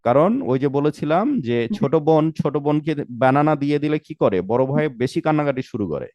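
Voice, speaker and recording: A man's voice: on the high side, fast, a little mellow, dry recording. A man teaching an online English pronunciation class, patiently breaking words into syllables, asking rhetorical questions and mixing English terms into his speech. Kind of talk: live online class lecture.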